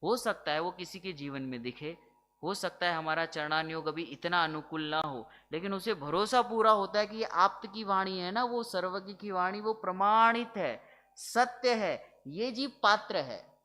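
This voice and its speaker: A man's voice: high voice, normal speed, bright, forceful tone. A man teaching Jain scripture in a religious discourse, explaining step by step and often asking whether his listeners follow. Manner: keeps checking if listeners follow, asking rhetorical questions; explanatory, mixes English words into his talk. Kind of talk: religious discourse to a seated audience.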